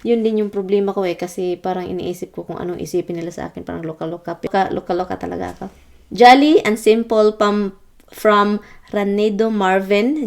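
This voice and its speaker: Young visayan woman vlogging, chatty, laughs a lot, talks to viewers, mid pitch. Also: vocal fry, darkish tone. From Philippines. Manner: chatty, laughs often, mixes languages. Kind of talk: casual chat reading viewer comments.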